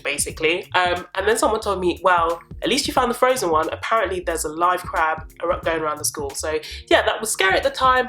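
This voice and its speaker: A young woman talks through personal questions in a relaxed, rambling vlog. Her voice sits a little low for a woman, and she fills the gaps with ums and quick laughs. Faint music plays behind her. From born in Uganda, grew up in South East London. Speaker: property investor and vlogger. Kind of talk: casual get-to-know-me vlog.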